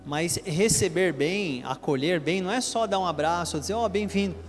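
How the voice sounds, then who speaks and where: A man's voice: high-pitched, moderate pace. A male Brazilian pastor preaching to a large church, energetically drilling the congregation in chanted repetition. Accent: Brazilian Portuguese. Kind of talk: sermon leading congregation call-and-response. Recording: church hall reverb, faint ambience.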